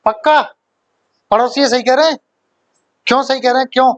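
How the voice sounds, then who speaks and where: Speaking fairly quickly in a very high voice, a man lectures a grammar class, testing his students with questions, restating the main points, and weaving in English terminology. The top end of the sound is cut off.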